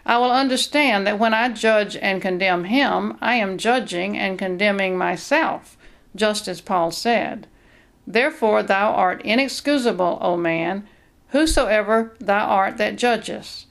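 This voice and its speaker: A woman giving a measured, earnest Bible teaching, reading scripture passages aloud in a steady devotional style. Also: medium pitch, creaky.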